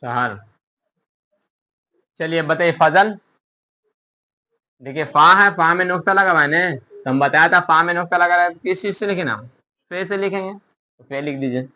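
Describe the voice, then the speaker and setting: A man with a fairly high, bright, forceful voice teaches a beginner lesson. He spells each word slowly, sound by sound, asking the listener which letter comes next and then giving the answer himself. His tone stays patient and instructive. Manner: quizzes the viewer, then answers his own questions. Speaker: Urdu teacher. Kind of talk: online language lesson.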